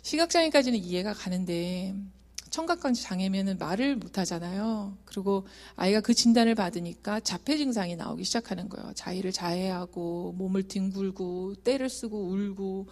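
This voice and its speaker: A middle-aged woman giving an emotional testimony sermon in a church, earnest and shifting between soft and loud. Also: mid-range voice, moderate pace. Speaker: guest speaker giving testimony. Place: church sanctuary.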